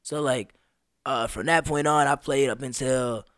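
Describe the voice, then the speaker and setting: A man in his twenties, a guest on a podcast, telling stories in an animated, slangy way. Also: mid-range voice, unhurried, no echo, studio quality. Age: 20s. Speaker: podcast guest, street performer. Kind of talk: casual conversation.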